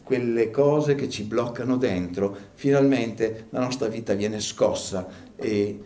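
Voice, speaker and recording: Man preaching in an echoey room. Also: slow pace. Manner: rises to loud, high preaching bursts. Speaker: pastor. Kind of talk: sermon. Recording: echoey room, faint ambience.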